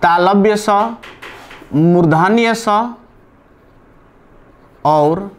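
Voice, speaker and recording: Male teacher, live online class, slow careful pace, repeats key terms, writes on a board. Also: high-pitched, expressive. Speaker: Hindi grammar teacher.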